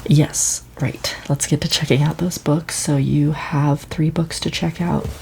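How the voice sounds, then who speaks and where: A woman playing a friendly, casual librarian in an ASMR whispered role-play, with a hushed library voice that slips into whispers and halting, hesitant phrasing. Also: low-pitched, fairly even intonation, creaky, a little hiss or hum. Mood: helpful, matter-of-fact. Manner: hushed library voice, soft-spoken, slipping into whispers; hesitant, unhurried, halting delivery. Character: friendly, casual, helpful female librarian at the checkout desk.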